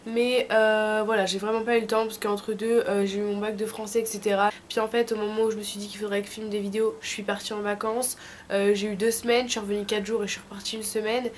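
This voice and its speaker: A woman's voice: medium pitch, little pitch movement, quick pace, a little hiss or hum. A woman in her late teens from France with a thick, sore-throat voice from tonsillitis, giving informal, slangy advice in a casual vlog. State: sick with a throat infection. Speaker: vlogger.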